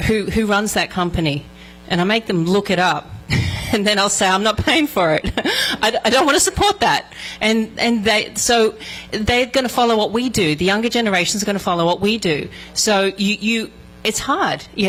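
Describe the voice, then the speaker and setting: A woman's voice: mid-range voice, normal speed, few pauses, fairly bright tone, soft background music, low-quality recording. A woman in her forties, a parent, speaking earnestly in a seminar discussion and repeating words as she goes.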